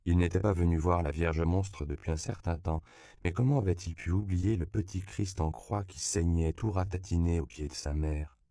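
Deep gravelly male audiobook narrator. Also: no room sound, studio quality. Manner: measured, even storytelling.

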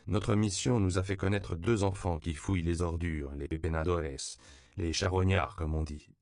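A man reading a wry, calm Jesuit brother. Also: low voice, normal speed, creaky, clear, resonant tone, no room sound, clean studio sound. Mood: matter-of-fact. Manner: calm, matter-of-fact. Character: plain-spoken male Mexican Jesuit brother, patient, wry. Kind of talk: audiobook character reading.

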